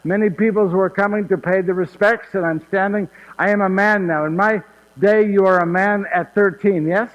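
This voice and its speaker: Close to an everyday voice, this man's delivery sits high with fairly even intonation at normal speed, captured in lo-fi sound with hall reverb. He acts as Joseph of Nazareth, a warm, chatty old storyteller full of fondness, in a one-man stage monologue. Folksy and laughing, he frequently asks "yes?"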